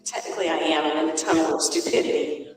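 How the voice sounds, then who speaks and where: A woman's voice: sits low, fairly even intonation, quick pace, faint music behind. A playful, teasing woman co-hosting a casual podcast, heard over a remote call mic that sounds like she's in a tunnel. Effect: calling in over a remote call mic that sounds like a tunnel. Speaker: podcast co-host, musician. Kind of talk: casual chat. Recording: echoey, distant remote call audio.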